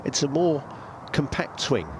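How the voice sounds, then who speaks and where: A man giving live golf commentary and analysis in a measured, matter-of-fact way. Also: on the high side, animated, noisy background.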